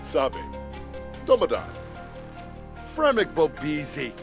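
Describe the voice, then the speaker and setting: Male game character, gibberish babble, gravelly, very slow, wide swooping pitch. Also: big pitch swings, music in the background, full character voice. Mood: babbling. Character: gibberish-speaking male life-sim character.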